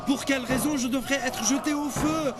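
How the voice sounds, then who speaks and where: A high, desperate condemned man. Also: fairly even intonation, a little fast. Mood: desperate pleading. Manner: desperate, shouting pleas. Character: condemned man begging for his life. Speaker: accused prisoner. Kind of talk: French dub of a historical series. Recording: loud music and crowd behind.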